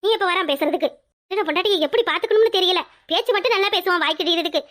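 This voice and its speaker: A woman's voice: extremely high pitch, rapid-fire, fairly bright tone. A woman voicing a scolding yet caring old village grandmother in a cartoon, with a Tirunelveli Tamil accent. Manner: scolding, fussing, chatty. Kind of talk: cartoon voice acting.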